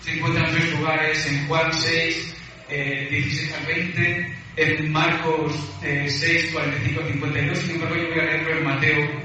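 A man's voice: a little high, level tone, normal speed, pushed and bright, a little hiss or hum. A man from preaching a sermon to a congregation, reading scripture aloud with hesitant fillers between phrases. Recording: very echoey hall from far off.

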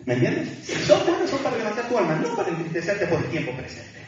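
High-voiced preacher in an echoey hall. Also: male voice, huge pitch swings, quick pace, background noise. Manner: chatty, checks in with tag questions and light laughs. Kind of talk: conversational sermon. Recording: echoey hall from far off, dull sound.

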